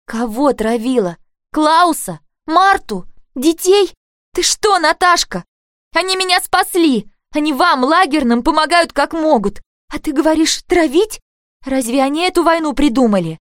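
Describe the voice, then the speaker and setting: A woman's voice: medium pitch, moderate pace, darkish tone, no echo, clean studio sound, voice pushed up, close to an everyday voice. A woman voicing a sensitive, earnest teenage girl who pleads and argues indignantly in an audiobook.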